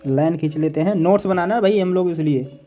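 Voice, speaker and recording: A man's voice: fairly high pitch, brisk, warm tone, a little hiss or hum. A man teaching Hindi grammar in an online exam-prep lesson, repeating each point while he writes notes. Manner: repetitive, drills each point with "देखिए" and "ठीक है"; talks while writing notes on a board.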